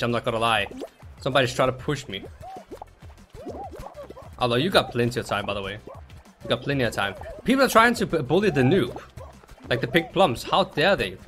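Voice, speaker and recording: A man's voice: mid-range voice, lively intonation, fairly quick, long pauses, fairly bright tone, soft background music. A man hosting a gaming session, chatting casually, laughing often and trash-talking other players. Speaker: gaming channel host.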